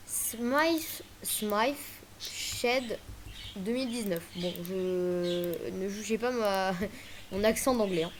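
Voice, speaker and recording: Chatty young woman with a high voice. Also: slight background noise. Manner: chatty and hesitant, many fillers and restarts. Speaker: gaming video creator. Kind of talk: casual screen-recorded game tutorial.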